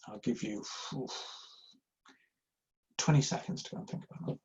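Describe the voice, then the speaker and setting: A man's voice: normal speed, a little mellow. A middle-aged man, giving a rambling, anecdotal, self-deprecating talk on giving to a live audience, with plenty of ums and uhs. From Yorkshire, England. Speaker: church giving speaker. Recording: slightly dull lo-fi sound.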